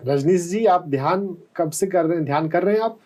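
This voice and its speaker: A man working as a doctor, calmly explaining answers to callers on a live health call-in show and often checking with "है ना?". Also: high-pitched, fairly quick, low-quality recording. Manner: calm, explanatory, often asks "है ना?".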